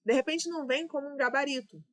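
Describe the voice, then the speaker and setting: A woman's voice: high voice, fast. A woman with a Brazilian Portuguese accent teaching an exam-prep grammar lesson, explaining answers step by step and checking in with her students.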